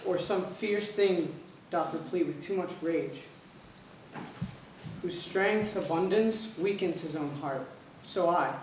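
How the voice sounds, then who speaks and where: A man reciting a sonnet deliberately, as a contestant. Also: on the high side. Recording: echoey hall, distant mic, faint noise.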